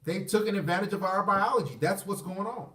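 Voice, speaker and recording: A man with a fairly high voice rants straight to camera, blunt and crude, circling back over the same phrases. He sits well back from the mic, so his voice sounds distant. The room around him rings with echo. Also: a little fast, bright, forceful tone. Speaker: vlogger. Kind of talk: casual rant to camera. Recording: echoey room, voice far from the mic.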